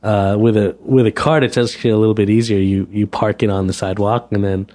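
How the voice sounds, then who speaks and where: An American restaurant owner appears as a guest in a casual interview, often restarting sentences and repeating words. He talks at a quick pace in a lowish, mellow voice with a steady tone.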